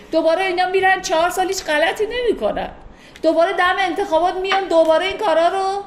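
A woman explaining classical poetry in a casual, lively lecture, speeding up into wry asides. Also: extremely high pitch. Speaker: teacher explaining Persian poetry. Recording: echoey room, faint ambient noise.

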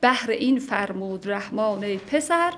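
A woman teaching a class, explaining classical poetry line by line with patient, lightly humorous commentary and slow recitation of verses. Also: medium pitch, animated, fairly bright tone. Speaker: literature teacher.

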